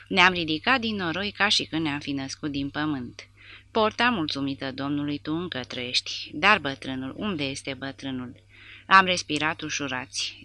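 A woman narrating a war novel audiobook with a dramatic, expressive reading. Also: low voice, dry recording.

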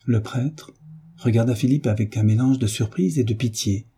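A man narrating a classic novel in a measured, even reading as an audiobook narrator. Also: medium pitch, slightly rough. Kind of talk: scripted literary narration.

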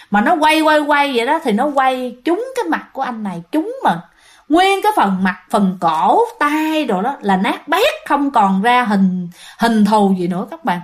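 A woman's voice: on the high side, sing-song, normal speed. A woman telling ghost stories in a casual, chatty way, often turning to her listeners. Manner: chatty, keeps addressing listeners, many fillers. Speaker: ghost story narrator. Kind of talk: casual spoken storytelling.

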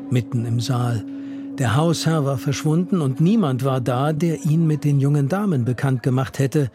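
A man reading a novel passage aloud in a measured, even storytelling manner for radio. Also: on the high side. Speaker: reader. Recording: music playing under the voice.

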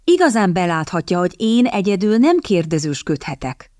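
A woman's voice: on the low side, very animated, a little mellow, dry recording, studio quality. A woman voicing a determined young woman in an audiobook, speaking in a coaxing, persuasive manner. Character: sharp, determined young woman seeking a husband.

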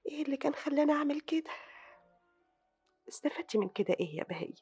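An actress with an Egyptian accent playing a meddling, sharp-tongued older sister in a radio drama, theatrical and insistent. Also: female voice, high-pitched, very animated, fast talker, faint music behind. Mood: self-reproach. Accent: Egyptian Arabic. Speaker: sister of the household.

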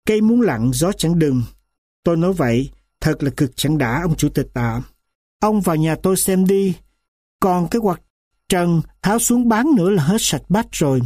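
A man's voice: fairly high pitch, mellow, dry recording, studio quality. Man reading as a defiant old grandmother. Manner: pleading then accusing, slow weighty delivery. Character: indignant grandmother near seventy, worn down and defiant.

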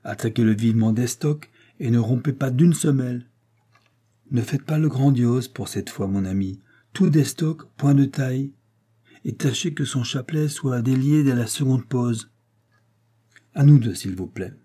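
A man's voice: mid-range voice, measured pace, mellow, husky. A man reading aloud, voicing an intense young Venetian swordsman who barks commands in a fight and turns distraught. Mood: urgent, commanding. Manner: urgent commanding fencing coach, later distraught.

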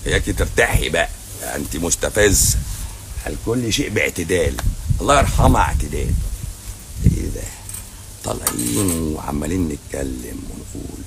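A man's voice: sits low, expressive, fairly quick, vocal fry, noisy background. A middle-aged man with an Egyptian Arabic accent, a doctor answering viewer questions on a livestream in a blunt, teasing, sarcastic way. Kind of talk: casual livestream Q&A. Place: hotel lobby at night.

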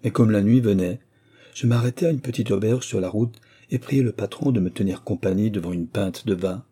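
Brief: low husky male audiobook narrator, measured and earnest. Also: dark tone. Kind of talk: audiobook reading.

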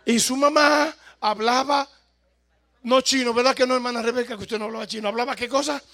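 A man's voice: extremely high pitch, fairly even intonation, a little fast, vocal fry, a bit bright. A pastor from El Salvador with a Salvadoran accent, preaching a sermon and questioning his congregation, with amens in between.

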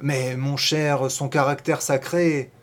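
A man reading aloud and voicing a timid, genteel husband who speaks softly, slowly and hesitantly in an audiobook. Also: mid-range voice, flat delivery, close to an everyday voice. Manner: soft, hesitant, slow.

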